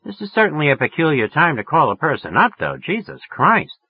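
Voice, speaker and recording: A man's voice: a little high, very animated, fairly quick, husky, dull audio, pitched above the performer's own voice, heavily acted. A man voicing a brassy, slangy young woman in a story, with a raised, affected feminine voice. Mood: friendlier. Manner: sharp, slangy, turning affectedly genteel. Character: brassy, irritable young working woman, formerly burlesque, turning coy.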